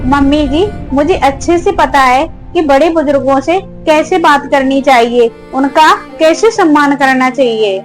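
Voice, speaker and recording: A woman's voice: high-pitched, a little slow, few pauses, faint music behind. A woman playing an outspoken young daughter-in-law who argues back politely but firmly, pleading her case in a family skit. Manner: argumentative, pleading, repeatedly addressing her.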